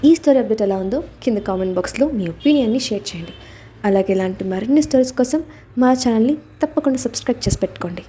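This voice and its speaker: A woman narrating a scripted audio story in an even, steady reading voice. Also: fairly high pitch, fast talker, slight background noise.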